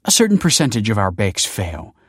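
A man's voice: lowish voice, wildly swooping pitch, fairly quick, husky, no echo, studio quality, heavily acted. A male audiobook narrator voicing a stiff, defensive woman who runs a factory and answers in curt, guarded lines.

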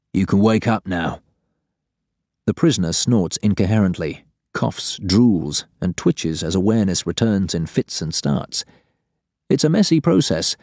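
A man's voice: on the low side, warm tone, dry recording, clean studio sound. A man reading scripted fiction as an audiobook narrator.

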